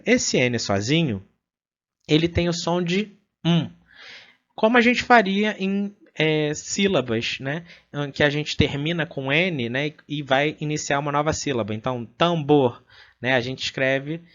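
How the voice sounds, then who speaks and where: A man's voice: fairly high pitch, fairly bright tone. A man teaching a beginner language lesson over slides, often adding "né?" and sounding out syllables one by one. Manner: fills pauses with "né?", spells out syllables slowly. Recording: dull lo-fi audio.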